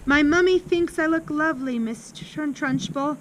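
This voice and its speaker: A woman's voice: normal speed, lightly acted. A woman voicing a terrified little girl who stutters. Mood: pleading. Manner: stuttering, high and frightened. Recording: loud background noise with passing traffic.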